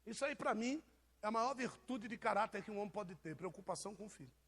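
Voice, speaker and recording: A man's voice: high-pitched, expressive, fast talker, a bit bright, breathy edge. A man with a Brazilian accent, preaching an informal sermon and joking with members of his congregation. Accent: Brazilian Portuguese. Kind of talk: informal sermon to a live church.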